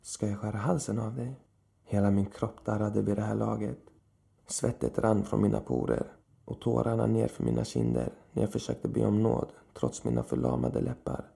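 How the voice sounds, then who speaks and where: Deep, gravelly male horror narrator. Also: mellow. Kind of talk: scripted horror story narration.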